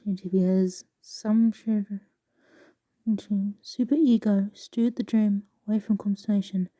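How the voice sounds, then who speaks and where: A woman casually reading passages aloud with a halting, stumbling delivery and soft asides. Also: medium pitch, fairly even intonation. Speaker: video creator reading excerpts aloud.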